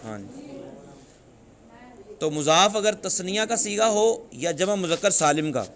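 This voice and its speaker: A man's voice: high voice, very animated, a bit bright. A man with a Pakistani Urdu accent teaching a classroom grammar lesson, drilling students with repeated questions. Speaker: religious teacher.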